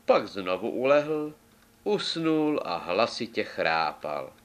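A man reading a fairy tale aloud in a measured, deliberate way. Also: on the low side, sing-song. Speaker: storyteller.

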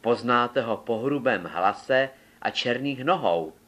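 A protective old mother goat from a storybook, stern and caring, who speaks slowly to warn her children, as a male narrator puts her on. Her pitch moves with feeling. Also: expressive, fairly bright tone, dull audio.

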